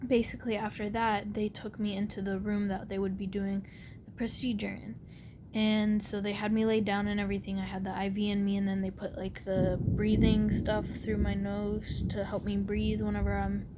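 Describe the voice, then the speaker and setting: A young adult woman telling a personal story casually to camera, rambling and halting, her words slightly muffled by a sore, barely opened mouth. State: sore mouth after wisdom tooth removal. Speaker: vlogger. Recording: clear background noise with low rumble.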